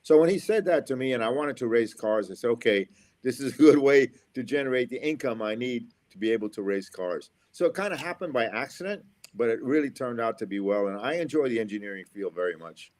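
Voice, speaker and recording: In interview answers full of motivation and optimism, a middle-aged engineer and school speaker from Florida, USA, keeps returning to his key phrases. He has a medium-pitched, expressive voice with a darkish tone and a brisk pace.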